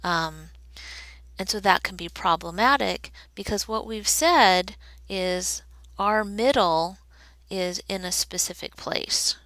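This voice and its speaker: A woman's voice: mid-range voice, a bit bright, no echo, poor audio. A woman teaching a recorded statistics lesson, explaining step by step while she draws graphs. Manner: slow, deliberate explaining while drawing on a graph.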